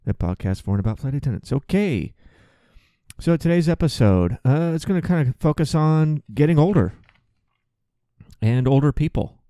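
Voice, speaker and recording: A man's voice: a little high, animated, normal speed, warm tone, dry recording, clean studio sound. A man around forty hosting a podcast, telling stories in a chatty, profane, comic way with frequent restarts. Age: 40s. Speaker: podcast host and flight attendant. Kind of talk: casual comic monologue.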